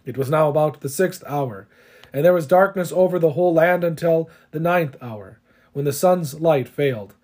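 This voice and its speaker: A man giving a measured, solemn scripture reading, unhurried and steady. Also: a little high. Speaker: scripture reader.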